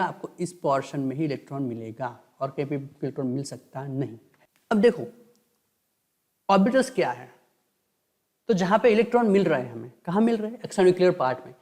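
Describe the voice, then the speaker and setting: A man teaching a chemistry lecture in Hindi mixed with English terms. He asks and answers his own questions and dictates notes slowly. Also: a little high, darkish tone. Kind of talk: online lecture.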